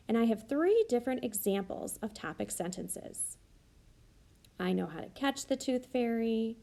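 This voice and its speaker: A woman teacher slowly modeling how to write sentences for young children, thinking aloud and sounding out each word. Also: medium pitch, warm tone. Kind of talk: slow modeled writing demonstration.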